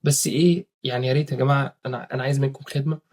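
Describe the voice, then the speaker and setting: A young man with an Egyptian Arabic accent gives viewers earnest, casual religious advice, often swearing oaths. His mid-range voice is steady and darkish in tone, though he speaks at a racing pace.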